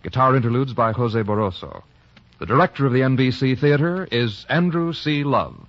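An American man working as an old-time radio announcer, speaking in a formal, measured announcer delivery on a vintage broadcast. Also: mid-range voice, dry recording, highs cut off.

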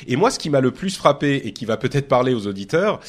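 A man's voice: mid-range voice, big pitch swings, quick pace. A man hosting a tech podcast in casual chat, talking with many fillers and restarts. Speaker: podcast host.

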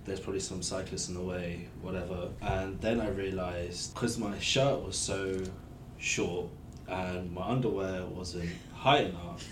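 A man's voice: low-pitched, fairly even intonation, a little slow. A man chatting casually and telling stories in a jokey, self-deprecating way. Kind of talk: casual storytelling chat. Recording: roomy echo with faint noise.

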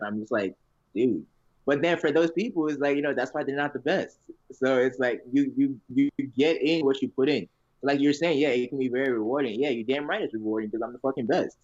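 A man's voice: medium pitch, no echo. A young man chatting casually as a podcast guest in a slangy frat-bro way, confident and emphatic, full of filler "like" and "man". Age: young adult. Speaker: guest, competitive college lifter. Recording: dull, lo-fi sound.

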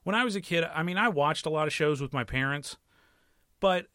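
A man's voice: fairly high pitch, expressive, brisk, pushed and bright, dry recording. An American man in his thirties hosting a casual solo podcast in a wry, conversational way, recorded close in a small closet. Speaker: podcast host and movie and TV critic.

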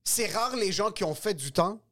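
High-voiced man, questioning. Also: animated, normal speed. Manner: challenging, reasoning out loud. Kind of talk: casual chat.

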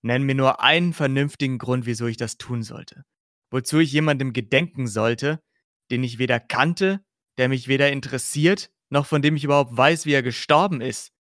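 A man's voice: medium pitch, moderate pace, a bit bright, no room sound, lightly acted. A short-tempered young detective in an audiobook reading, snapping back with indignation, as a man reads him. His voice sits in a middle register and sounds close and dry. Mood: angry. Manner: heated, indignant.

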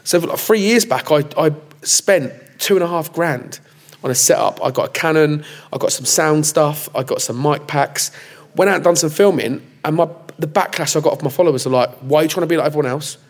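A man with a fairly high voice chats as a guest in a live interview. He talks in an eager, rambling way, with frequent restarts and self-interruptions. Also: normal speed. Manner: excitable, rambling, many restarts. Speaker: comedy creator, interview guest. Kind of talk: casual live interview chat.

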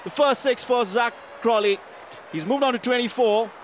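A male cricket commentator with a high-pitched voice calls the play ball by ball. He is recorded live at the ground, with faint outdoor noise behind him. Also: moderate pace, a faint crowd.

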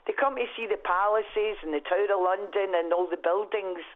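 A woman's voice: medium pitch, brisk, crowd noise. Radio caller: forthright Glaswegian woman, chatty, heard down a thin phone line. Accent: Glaswegian Scottish. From Scotland. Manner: forthright, chatty, laughs between points. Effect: heard over a phone line. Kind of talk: casual phone-in chat.

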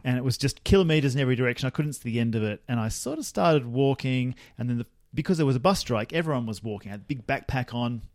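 An Australian man in his younger years, rambling through a travel story with restarts and chuckles. His voice sits at an everyday middle pitch, recorded close and dry with no room around it. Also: animated, fast talker, hardly any pauses, a little mellow, no echo. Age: young adult. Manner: rambling anecdotes with self-corrections and laughs. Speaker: podcast co-host. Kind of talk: casual chat, storytelling.

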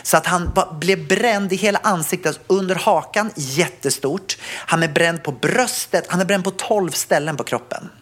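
A podcast co-host telling a story in casual chat, acting out their own shouts and panic. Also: mid-range voice, few pauses.

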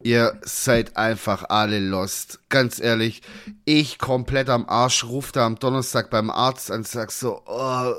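A man co-hosting a podcast, telling stories in a casual chat with an animated, ranting delivery full of slang and swearing. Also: medium pitch, a little slow. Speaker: podcast co-host.

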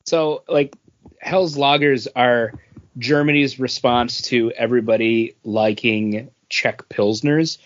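A man with a mid-range voice takes his time, talking informally and in slang as a co-host on a casual podcast. He is on a remote voice call from home, and the internet call audio sounds dull and lo-fi.

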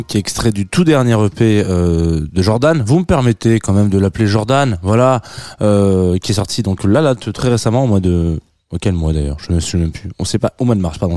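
A man in his thirties hosts a radio music show from the studio, his voice on the low side and mellow in tone. He rambles along casually, fills pauses with hesitations and pokes fun at himself, and the sound is close and dry. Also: no echo. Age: 30s. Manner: rambling and chatty with many fillers, self-deprecating asides. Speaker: radio host.

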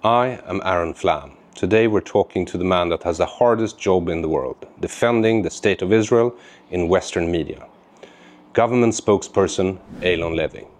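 A man hosts a podcast conversation with a somewhat low voice. His questions come out haltingly, broken up with uh and restarts. The talk was taped in a room above busy city streets. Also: darkish tone. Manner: halting, with many uh fillers in questions. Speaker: podcast host. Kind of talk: interview podcast. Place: high-up room in a city, street noise below.

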